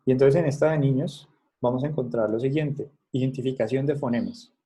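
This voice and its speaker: A man's voice: mid-range voice, a little fast, warm tone. A man lecturing students over a video call, explaining step by step and checking in often with short questions. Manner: explanatory, checks in with frequent "¿vale?" and "¿sí?". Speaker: instructor. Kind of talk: online class lecture.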